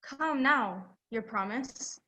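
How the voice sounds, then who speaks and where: A young woman, a student actor, playing an anxious and evasive young noblewoman in an amateur Shakespeare scene, speaking quietly and hesitantly. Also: fairly high pitch, slow. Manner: quiet, soft, hesitant delivery.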